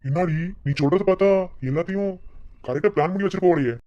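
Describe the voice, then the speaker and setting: A woman voicing a young man who teases his wife and gently comforts his younger sister in a cartoon. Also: lowish voice, quick pace, lo-fi sound, natural voice. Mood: playful. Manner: playful teasing, gentle comforting. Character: teasing young husband and caring older brother. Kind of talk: cartoon voice acting.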